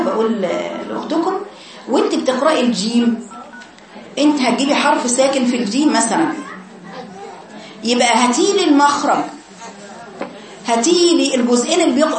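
A woman with an Egyptian accent teaching tajweed to girls, slowly repeating sounds to demonstrate and correcting mistakes. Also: a little high, echoey room, rough recording. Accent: Egyptian Arabic. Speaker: Quran recitation teacher.

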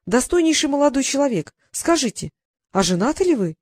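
A woman voicing a fawning middle-aged male merchant who flatters in a sweet, sugary voice. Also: high voice, brisk, no room sound, studio quality, voice pushed up.

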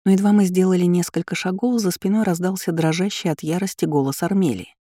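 A woman narrating a first-person fantasy audiobook in a calm, wry, even way. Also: lowish voice, fairly quick, dry recording, clean studio sound.

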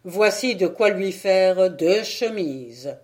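Woman reading an easygoing country priest, firm, a little loud. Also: mid-range voice, animated, takes it slowly. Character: jovial good-natured country priest, man.

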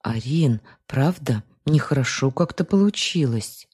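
Brief: hushed, disappointed older sister, read by a woman narrator. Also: rumbling low, lively intonation, unhurried, slightly rough, exaggerated voice. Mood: reproachful. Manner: soft, reproachful. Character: older sister, quiet and reproachful.

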